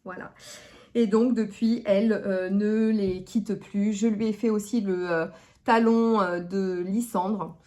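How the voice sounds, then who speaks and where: A woman's voice: mid-range voice, steady tone, slow, warm tone. A woman hosting a knitting podcast, chatting casually to her camera, hesitant, full of fillers and self-corrections, and chuckling at herself. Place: at home, in front of her camera.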